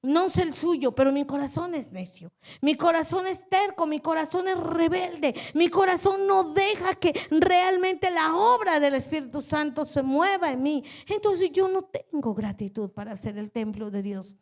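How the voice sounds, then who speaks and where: A woman pastor delivers a sermon in a high voice. She preaches earnestly, repeating her key phrases and turning to ask her listeners direct questions. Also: measured pace, a little mellow.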